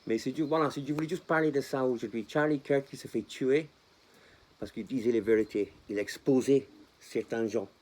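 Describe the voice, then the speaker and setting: A man's voice: medium pitch, normal speed, a little mellow. A man vlogging casually to his viewers in French with a non-native accent, speaking passionately, repeating himself and dropping English words in. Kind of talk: casual talk to camera.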